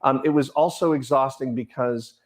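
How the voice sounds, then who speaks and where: A middle-aged man giving an informal lecture on the stage arts, rambling like a professor, with digressions, halting restarts and personal anecdotes. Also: medium pitch. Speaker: lecturer on musical theater.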